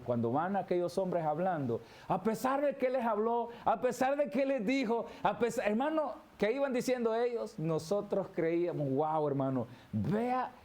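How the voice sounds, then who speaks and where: A man's voice: high-pitched, dark tone. A male pastor preaching a Bible study sermon, reading scripture and constantly calling his listeners brother. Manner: addresses listeners as "hermano" constantly. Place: church.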